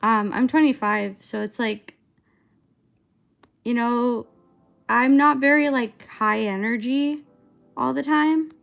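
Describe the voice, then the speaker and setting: A woman's voice: a little high, slow pace, gravelly, long pauses, fairly bright tone, faint music behind. A woman in her twenties chatting casually on a livestream while she animates, rambling and hesitant, with lots of filler words. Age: 20s. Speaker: streamer and animator.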